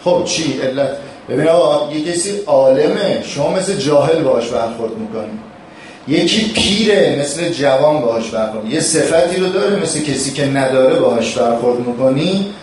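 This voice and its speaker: Man, stern seminary lecture, emphatic scolding, booming hall echo, distant mic. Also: animated, a little mellow, a little hiss or hum. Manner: admonishing, emphatic, rising for stress. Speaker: seminary teacher. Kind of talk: classroom sermon. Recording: echoey hall from far off.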